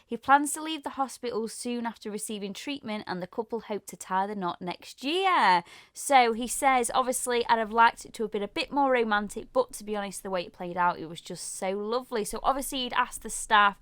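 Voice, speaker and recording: A British woman co-hosting a casual podcast, chatty and quick to laugh, reading out news stories. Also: a little high, fairly bright tone, no echo. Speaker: podcast co-host.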